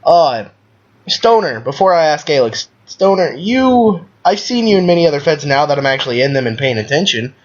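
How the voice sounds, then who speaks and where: A man hosting a casual call-in chat, his pitch sitting a little high and bouncing around a lot. He rambles as he questions his guests. The sound is dull and lo-fi, like a video call. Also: sing-song, normal speed. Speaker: host. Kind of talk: casual online radio chat. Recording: lo-fi call audio.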